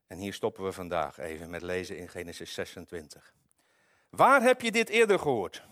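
A man's voice: sits low, big pitch swings, fairly quick, bright, forceful tone, no echo, clean studio sound. A man preaching, reading from the Bible and adding wry, conversational asides. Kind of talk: Bible reading with sermon commentary.

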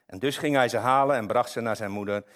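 A man delivers a sermon to his congregation. He reads the scripture passage aloud, then breaks off into lively, explanatory asides. His voice sits at an ordinary middle pitch for a man. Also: fast. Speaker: preacher. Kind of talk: sermon with Bible reading.

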